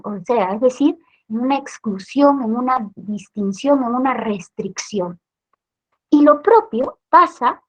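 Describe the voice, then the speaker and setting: A woman from Peru, speaking with a Peruvian Spanish accent, gives a training lecture for police, explaining things step by step and using tag questions to check in with her listeners. Her voice is high, and the recording is muffled.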